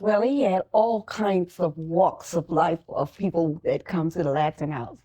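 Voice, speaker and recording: A woman's voice: lowish voice, a little slow, dark tone. A woman being interviewed, casually sharing recollections for an oral history.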